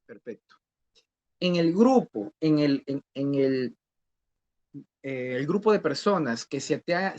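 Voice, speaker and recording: A man teaching a discipleship Bible class who questions his students and repeats key phrases. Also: a little high. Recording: dull lo-fi recording.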